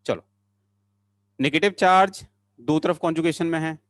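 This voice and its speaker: A man with a slightly high voice teaching a chemistry class online. He coaxes his students along, repeating short phrases in a sing-song lilt, recorded close and dry. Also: moderate pace, fairly bright tone, dry recording.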